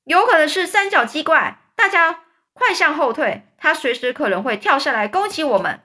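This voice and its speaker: A woman voicing a loud, alarmed middle-aged police chief in a children's story reading. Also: sits high, expressive, fairly quick, pitched above the performer's own voice. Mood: alarmed shouting. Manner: shouting, alarmed.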